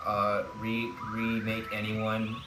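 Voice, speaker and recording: A man's voice: on the low side, monotone, slow pace, roomy sound, over music, rough recording. A young man chatting casually as a co-host, rambling and laughing with many restarts. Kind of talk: casual gaming chat.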